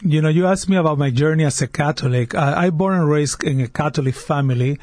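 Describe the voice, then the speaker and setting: A man's voice: fairly high pitch, quick pace, a little mellow, dry recording. A man in his fifties from Puerto Rico with a Puerto Rican Spanish accent, a guest on a radio interview, speaking earnestly and often repeating words as he restarts. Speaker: guest, diocesan worship director. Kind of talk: radio interview, personal story.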